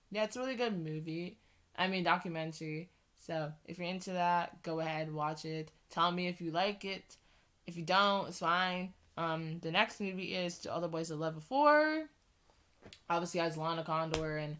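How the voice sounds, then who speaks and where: A woman's voice: lowish voice, fairly bright tone. A woman vlogger casually recommending movies, rambling and hurrying with many restarts. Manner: hurried talking.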